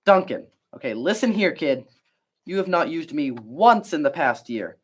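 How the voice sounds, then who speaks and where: A demanding storybook crayon, played by a man, scolds with sassy emphasis. The pitch swings widely as it airs its grievances. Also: very animated, normal speed, breathy edge. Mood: sassy indignant. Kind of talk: children's picture book read-aloud.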